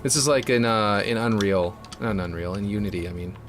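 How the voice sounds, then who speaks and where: While building a game map on a live stream, a fairly deep-voiced man talks casually and fairly quickly. His speech rambles, full of fillers and restarts, with music in the background.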